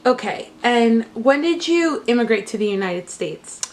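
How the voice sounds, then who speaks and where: A young woman in her twenties with a fairly high voice leads a casual interview with her father. She talks in a loose, chatty way, full of "um" and "you know," and keeps her questions simple and friendly. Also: animated, measured pace, slight background noise. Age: 20s. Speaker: interviewer, daughter.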